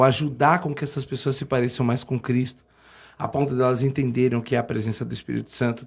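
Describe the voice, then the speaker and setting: A man hosting a podcast in a studio, talking in an earnest, reflective way with halting restarts. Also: mid-range voice, a little mellow. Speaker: podcast host, church musician. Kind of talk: casual podcast conversation.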